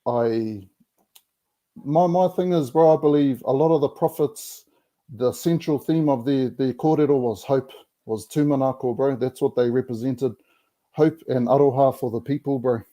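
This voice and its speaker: A man speaks with a broad Kiwi accent in a mellow, relaxed voice at a middling pitch. He chats casually and reflectively, in colloquial English sprinkled with Māori words. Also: moderate pace. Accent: broad Kiwi, Māori New Zealand English. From New Zealand. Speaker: podcast guest.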